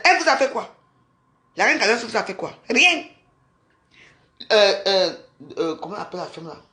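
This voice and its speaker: Bright-voiced woman ranting with scorn. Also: mid-range voice. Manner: scolding, mocking, repeats insults. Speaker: vlogger. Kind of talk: angry rant at commenters.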